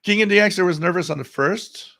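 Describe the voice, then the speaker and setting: A Quebec-born French Canadian man, French being his first language, hosts a live radio stream, reading viewer comments and offering rambling, opinionated views with many restarts. His voice is high-pitched, a little fast and sharp, recorded at studio quality with no echo.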